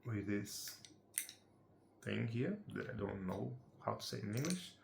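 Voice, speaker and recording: An amateur how-to presenter from Brazil, using English as a second language with a Brazilian Portuguese accent, walks through a task in a casual, unedited way. His fairly low voice shows vocal fry and lively intonation at an unhurried pace, in a reverberant recording with a little hiss or hum. He's chatty and keeps asking "right?" and "yeah?"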